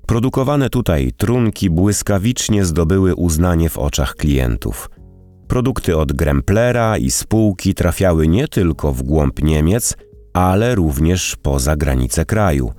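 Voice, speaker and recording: A man narrating a historical novel in an expressive, measured storytelling manner. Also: deep voice, soft background music. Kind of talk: audiobook narration.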